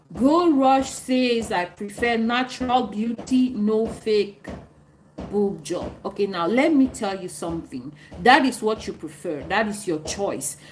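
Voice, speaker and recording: A woman's voice: mid-range voice, darkish tone, slight background noise, low-quality recording. A woman from Cameroon with a Cameroonian accent, streaming live and answering viewer comments in an emphatic, repetitive, preachy way. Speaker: livestreamer.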